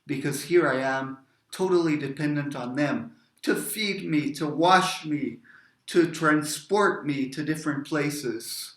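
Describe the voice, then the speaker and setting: A man's voice: fairly high pitch, slow, fairly bright tone. A man poet giving a reflective storytelling talk, drifting into tangents. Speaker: poet and speaker. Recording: roomy echo.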